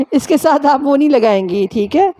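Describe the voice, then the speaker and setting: Teacher lady from pakistan, high voice, keeps repeating sounds and quizzing the class. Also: warm tone, a little hiss or hum. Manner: drills students with repeated sounds and quick questions. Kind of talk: classroom grammar lesson.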